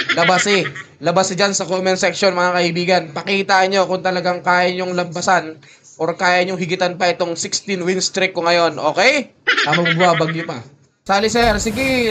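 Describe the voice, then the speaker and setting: A man from the Philippines giving casual, excitable gameplay commentary, teasing teammates and laughing often, his voice jumping high. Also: slight background noise. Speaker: mobile game streamer. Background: game music.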